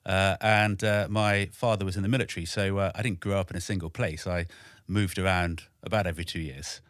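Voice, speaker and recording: A man in his forties from Wales, a podcast guest talking in a measured, matter-of-fact way in a home studio. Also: deep voice, steady tone, a bit bright, no echo. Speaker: podcast guest, army veteran. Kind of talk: casual interview.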